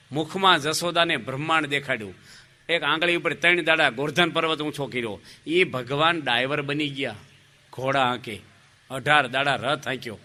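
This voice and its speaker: A male monk delivers a humorous devotional sermon, telling stories animatedly, putting questions to the audience, and acting out the dialogue. His voice is on the high side.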